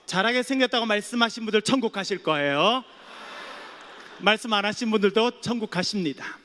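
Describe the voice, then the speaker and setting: A man's voice: sits high, lively intonation, fairly quick, a bit bright, slight background noise. A male pastor from a Korean island preaching a sermon, telling stories with playful jokes for the audience. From Geoje island, South Korea. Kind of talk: sermon with humorous storytelling. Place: seminary chapel. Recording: long chapel reverb.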